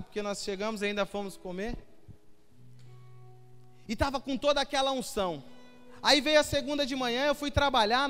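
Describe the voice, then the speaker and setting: Very high-voiced man preaching in a hall. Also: fairly bright tone, clear, resonant tone. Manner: emotional, storytelling with quoted dialogue. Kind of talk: sermon testimony. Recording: hall reverb with faint music.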